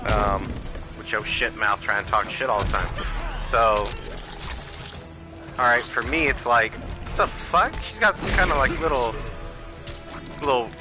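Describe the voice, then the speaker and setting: A man's voice: mid-range voice, unhurried, pauses often. A man ranting casually and profanely while streaming a video game. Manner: profane, rambling, heated. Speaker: gaming streamer. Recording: music playing clearly behind the voice.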